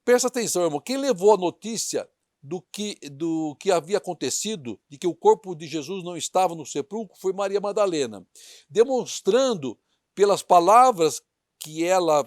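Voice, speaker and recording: A man's voice: high voice, animated, moderate pace, no echo, studio quality. A man preaching a sermon in Portuguese style, reading scripture aloud and questioning his listeners directly in an earnest way.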